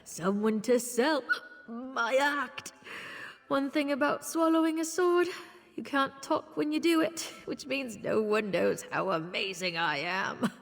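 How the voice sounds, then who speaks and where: A woman's voice: sits high, vocal fry. An actress playing a tipsy, flirtatious, boastful female elf circus performer in a video game, with a teasing, playful manner. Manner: teasing, slow, languid, playful. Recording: slight hall reverb with game music.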